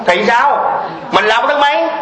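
A male Buddhist monk preaching a sermon, telling lively humorous stories, laughing often and asking the audience questions he answers himself. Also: extremely high pitch, moderate pace, roomy sound, crowd noise, rough recording. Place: Buddhist temple.

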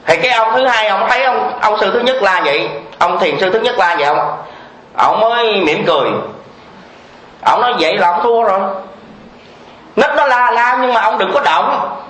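A male Buddhist monk preaching a sermon, telling lively humorous stories, laughing often and asking the audience questions he answers himself. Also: sits high, normal speed, reverberant, rough recording. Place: Buddhist temple.

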